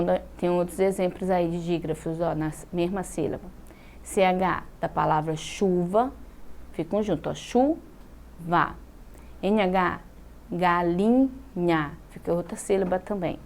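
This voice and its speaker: A Brazilian woman teacher with a fairly low voice explains patiently to young pupils, stretching out key words syllable by syllable. She keeps checking in as she goes. A faint hiss sits under the recording. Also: darkish tone. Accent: Brazilian Portuguese. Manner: patient, drawn-out syllables with frequent "tá?" check-ins. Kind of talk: recorded classroom lesson for children.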